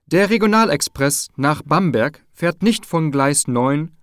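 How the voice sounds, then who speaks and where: A man reading train station announcements in a formal, measured announcer delivery. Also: on the high side, expressive, fairly bright tone, dry recording, clean studio sound.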